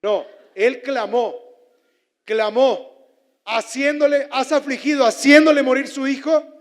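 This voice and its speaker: A male pastor preaching a fervent sermon, leading the congregation in repeated declarations and shouting at the climaxes. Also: extremely high pitch. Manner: shouts and stretches words at climaxes. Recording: long hall reverb with faint crowd.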